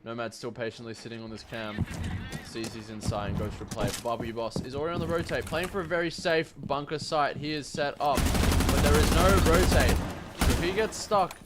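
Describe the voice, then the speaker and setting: A man doing esports play-by-play commentary on a shooter match, in a caster's manner that moves between tense build-up and excited calls. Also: medium pitch, a little fast, heavy background noise.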